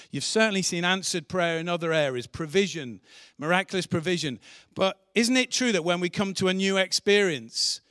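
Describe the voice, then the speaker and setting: A man's voice: high voice, fairly bright tone, no echo, studio quality. A man preaching a sermon in church, earnest and asking the congregation questions. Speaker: pastor.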